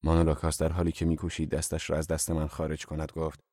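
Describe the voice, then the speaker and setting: A man narrating an audiobook in a measured, even storytelling manner. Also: very deep voice, dry recording, clean studio sound.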